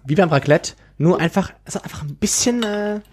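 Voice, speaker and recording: A man's voice: high voice, a little fast, a little mellow. A man in a casual chat while cooking, often stumbling and repeating words.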